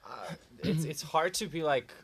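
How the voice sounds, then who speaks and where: A man's voice: fairly high pitch, moderate pace, vocal fry. A young man from Croatia, a music group member, giving earnest answers and searching for words. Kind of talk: casual interview answers.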